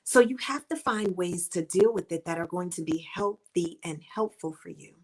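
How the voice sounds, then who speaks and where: Here the same kind of talk comes from a middle-aged woman, an author and speaker offering faith-based encouragement to camera. She sounds earnest and coaching, repeating herself and sometimes softening to a near-whisper. Her voice is fairly low and moderately paced, and the recording is rough.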